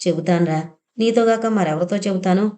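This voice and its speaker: A woman's voice: medium pitch, a little fast, warm tone, close to an everyday voice. A woman voicing an ailing elderly father, speaking in a sorrowful, pleading way in an audio novel.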